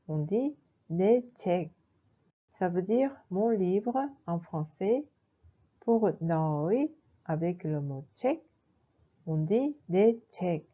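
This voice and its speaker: A woman's voice: lowish voice, dark tone, highs cut off. A woman explaining a language lesson in a careful, scripted narration, going through examples one by one. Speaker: language teacher.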